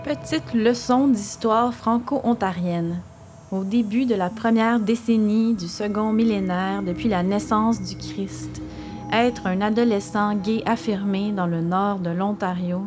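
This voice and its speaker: A woman's voice: medium pitch, a little slow, a little mellow. A woman performing spoken-word poetry in terse, punchy phrases with defiant bursts. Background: music.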